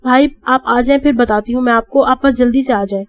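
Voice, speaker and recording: A woman's voice: on the high side, steady tone, natural voice. A woman voicing a frightened young woman who holds back tears. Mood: anxious. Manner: anxious, holding back tears.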